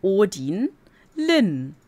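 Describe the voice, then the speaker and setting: A woman's voice: medium pitch, big pitch swings, extremely slow, warm tone. A woman giving casual gameplay commentary as a let's play streamer, chatty and giggly and playfully silly.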